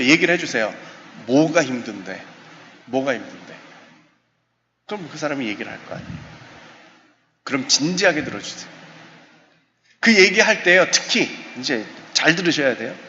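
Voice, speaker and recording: A man gives a seminar talk from a church, his somewhat high voice swinging widely as he acts out short exchanges with his listeners. The sound rings with long hall reverb and comes through a dull, muffled recording. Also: brisk, pauses often, slight background noise. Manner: animated, acts out short dialogues with the audience. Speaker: professor lecturing on suicide prevention. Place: church sanctuary.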